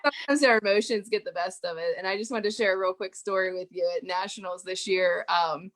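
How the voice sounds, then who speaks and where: A woman's voice: mid-range voice, fairly quick, a bit bright. A woman guest on an interview show, telling stories in a chatty way with many "you know" fillers. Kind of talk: casual podcast interview.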